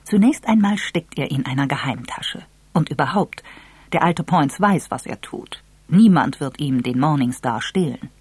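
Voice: mid-range voice, expressive, moderate pace, a little mellow, husky, no room sound. A reader doing sly old Mister Points. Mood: teasing. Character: genial elderly gentleman, sly and teasing.

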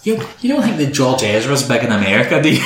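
Lively man chatting. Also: mid-range voice, roomy sound, noisy background. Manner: excitable, swearing, quick to laugh. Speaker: podcast co-host. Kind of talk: casual chat.

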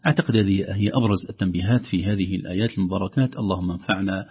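A man teaching Quran recitation rules, explaining calmly and then sounding out words slowly and carefully. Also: sits low, breathy edge, lo-fi sound.

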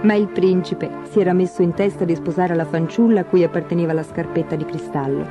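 A woman narrating a fairy tale aloud in a gentle, expressive storybook manner. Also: lowish voice, fairly quick, over music.

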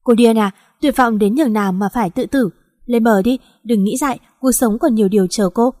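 A woman's voice: on the high side, quick pace, mellow, no echo, studio quality, lightly acted. A woman voicing a blunt, teasing young man who acts as a rescuer. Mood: brusque. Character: rude but caring young male rescuer.

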